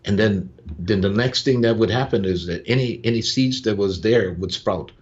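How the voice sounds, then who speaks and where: In a dull-sounding lo-fi recording, an older Hawaiian man with a lowish voice tells relaxed stories as a guest in conversation. A farmer and business owner, he speaks unhurriedly, with frequent "uh" pauses and "yeah?" tags.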